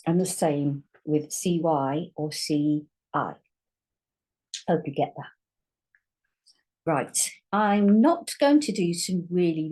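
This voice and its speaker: A woman's voice: low-pitched, dark tone, low-quality recording. A woman teaching a recorded phonics lesson, patiently sounding out letters again and again. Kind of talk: recorded online spelling lesson.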